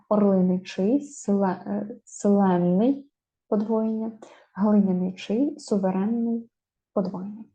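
A woman teaches a spelling lesson in a deep, mellow tone. She slows right down to draw out each example word for stress. The recording sounds dull and lo-fi. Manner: slow, drawn-out stressing of example words.

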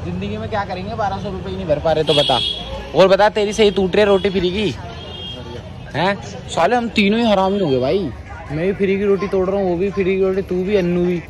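A young man vlogging outdoors on a road, bantering loudly and teasing his friends. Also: sits high, fairly even intonation, fairly quick, crowd noise. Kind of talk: casual joking chat with friends. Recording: loud traffic noise outdoors.

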